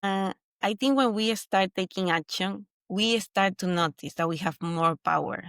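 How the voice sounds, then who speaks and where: A woman's voice: medium pitch, measured pace, fairly bright tone, clean tone, no echo. Venezuelan woman guest, earnest and reflective. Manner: earnest, reflective, with frequent restarts. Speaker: mindset coach guest. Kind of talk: interview conversation.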